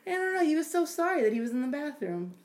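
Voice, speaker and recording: A woman's voice: sits high, very animated, fast, slight background noise. A woman in casual chat who tells stories, leaning on the filler "like". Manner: storytelling, many "like" fillers.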